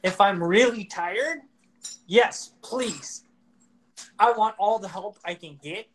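A man hosting a podcast, speaking frankly and casually in halting phrases. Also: high voice, a bit bright, slight background noise. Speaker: podcast host. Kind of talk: candid personal talk.

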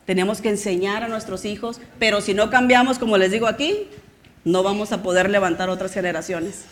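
A woman pastor preaching a sermon with passion, acting out the voices of shouting parents. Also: medium pitch, fairly quick, slight background noise. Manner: impassioned preaching with acted-out quotes of shouting parents.

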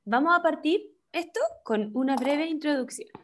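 Brief: young Chilean woman, podcast co-host, bubbly and scatterbrained, bright higher voice. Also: expressive, normal speed, slight background noise. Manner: bubbly, scattered, laughs often. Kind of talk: casual chat.

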